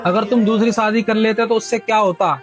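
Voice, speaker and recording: An actor playing a calm doctor who reassures and then lectures a patient. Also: male voice, high-pitched, a little fast, lightly acted. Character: calm, wise male village doctor.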